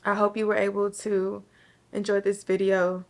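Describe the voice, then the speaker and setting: A young woman giving an emotional faith testimony to camera, tearful and halting, often restarting her sentences. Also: mid-range voice, flat delivery. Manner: halting, with restarts and soft pauses.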